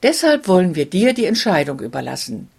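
A woman's voice: on the low side, big pitch swings, brisk, gravelly, a little mellow, husky, full character voice. A woman reading as quarrelling giants. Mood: persuasive. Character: two quarrelling male giants.

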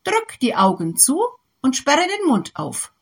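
A woman plays a small enchanted snake in a storybook, breathy and earnest, begging for help in a soft voice that rises and falls. The little creature sounds urgent but gentle. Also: high-pitched, wildly swooping pitch, measured pace, pitched above the performer's own voice, full character voice. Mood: advising. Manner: pleading, solemn storybook voice.

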